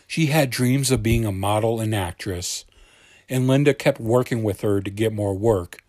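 A man's voice: fairly low pitch, normal speed, a little mellow, no room sound. A man hosting a true crime podcast, reading scripted narration in the suspenseful manner of a crime show narrator, close on the mic. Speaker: podcast host.

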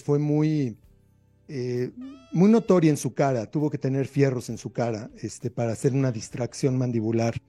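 A man's voice: medium pitch, mellow. A man with a Mexican accent, a guest author telling stories in an earnest, reflective way during an interview. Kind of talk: interview conversation.

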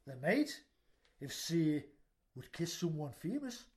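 A man plays a shy fellow who starts out hesitant and then nudges his friend along. His voice is fairly high and moves around lively. This is an amateur audio drama. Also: takes it slowly. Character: shy man recalling childhood twin sweethearts.

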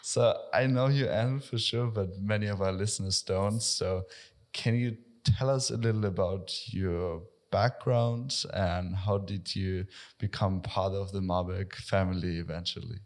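A man hosts a podcast interview in a very low voice. He opens with a friendly, scripted welcome, then moves into relaxed, casual questions for his guest. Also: a little slow. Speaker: podcast host.

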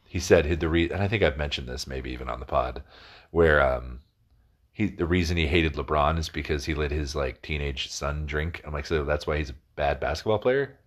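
A man's voice: a bass voice, normal speed. A man co-hosting a casual podcast chat, rambling and swearing freely. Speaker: podcast co-host.

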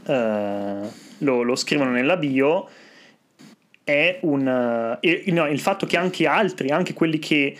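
A man's voice: fairly high pitch, lively intonation, slow, a bit bright. A man with an Italian accent chats as a podcast co-host, hesitantly searching for his words. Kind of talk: casual podcast chat.

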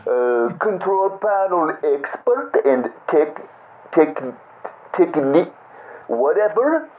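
A man's voice: on the high side, big pitch swings. Give me a man putting on a stammering inmate on a landline phone call. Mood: rambling. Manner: hesitant, stammering, halting. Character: bumbling male prison inmate caller. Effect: over a landline phone. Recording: tinny landline phone with faint hiss.

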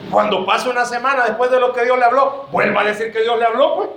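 A man's voice: very high voice, steady tone, fast talker, bright, forceful tone, reverberant, a little hiss or hum. A man preaching a sermon to his church, joking and calling his listeners brother.

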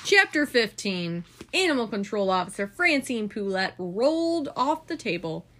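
A mother reading a picture book aloud before bed. Her fairly high voice rises and falls with lots of expression. She reads in an animated, storytelling way. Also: normal speed.

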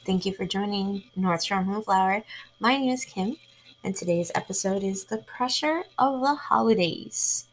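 A woman hosts a relaxed, friendly podcast in a casual chatting style. She talks with animation and a conversational bounce. Now and then she drops into a hushed whisper for an aside. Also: medium pitch, moderate pace, slight background noise, poor audio. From New York. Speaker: podcast host. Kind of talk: casual chat.

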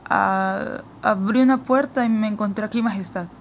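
A woman's voice: mid-range voice, moderate pace, lightly acted. A woman voicing a frightened young boy who answers hesitantly and deferentially, in an audiobook reading with a faint hiss. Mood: timid.

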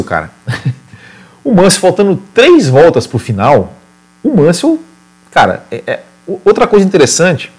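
A man with a Brazilian accent and a voice on the high side hosts a motorsport podcast or stream. He tells race stories with animated, casual commentary, often repeating words and tacking on tag questions.

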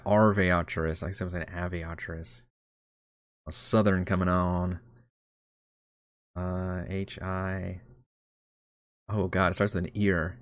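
A man with a deep, low voice talks casually as a game master, wandering from thought to thought and teasing himself. The sound is dry and close, with no room around him. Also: no room sound. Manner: rambling and self-deprecating, swears casually. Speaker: dungeon master. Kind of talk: casual livestream chat while prepping a game.

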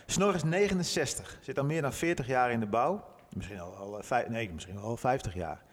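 A man's voice: mid-range voice, animated, a little fast. A Dutch man from Groningen, co-hosting a casual podcast with laid-back, jokey banter. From Groningen, Netherlands. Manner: laughs often, easygoing banter. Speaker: podcast co-host, physiotherapist. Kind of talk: casual chat. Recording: room with long reverb.

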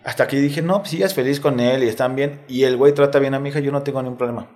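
This retired footballer, a male interview guest from Mexico City, recounts a personal experience in slang-heavy, candid, step-by-step fashion during a relaxed conversation. He speaks at a racing pace in a mid-range, slightly mellow voice whose intonation stays fairly even.

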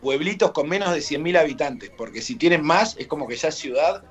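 An Argentine man, a guest author, telling stories in a lively, blunt, joking way. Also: on the high side, brisk, breathy edge, soft background music. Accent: Argentine Spanish. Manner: lively storyteller, blunt jokes. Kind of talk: casual interview chat.

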